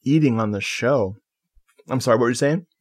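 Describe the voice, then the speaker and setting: A man's voice: mid-range voice, brisk, darkish tone. A man co-hosting a podcast, chatting casually in a loose, joking way and swearing freely. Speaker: podcast co-host. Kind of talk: casual chat.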